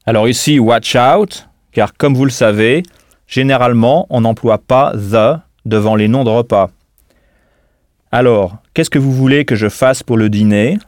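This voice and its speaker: A man giving a scripted audio lesson, speaking at a mid pitch with a calm, measured delivery. He pauses to spell words out letter by letter, and his voice sounds dry and close, with no room echo. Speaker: English teacher.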